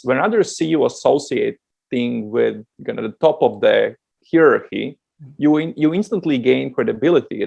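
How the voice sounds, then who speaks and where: A man's voice: medium pitch, creaky, a little mellow, muffled recording. A man from Latvia, a dating coach guest on a podcast, talking in a chatty way with frequent laughs and many restarts. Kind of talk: casual podcast chat.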